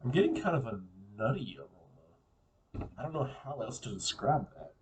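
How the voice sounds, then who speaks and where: Relaxed man musing off-mic. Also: medium pitch, normal speed, far from the mic, low-quality recording. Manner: relaxed, musing, repeats himself. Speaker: beer reviewer. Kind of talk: casual solo review.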